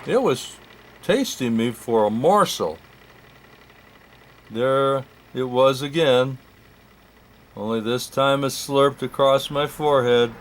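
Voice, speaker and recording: A man's voice: medium pitch, a little hiss or hum. A man telling a first-person story, rambling and correcting himself with comic asides.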